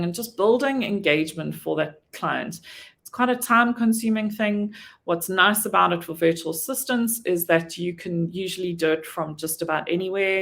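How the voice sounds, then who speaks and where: Low creaky South African woman. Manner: casual, lots of ums, self-correcting. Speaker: virtual assistant trainer. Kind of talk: online training talk.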